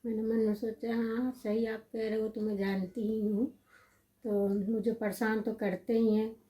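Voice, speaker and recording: Middle-aged woman, homey storyteller, soft warm voice, somewhat high but level delivery, gentle and reminiscing. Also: little pitch movement, measured pace, rough recording. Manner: gentle, repetitive listing, reminiscing. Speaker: vlogger recalling her family life. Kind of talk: casual personal storytelling.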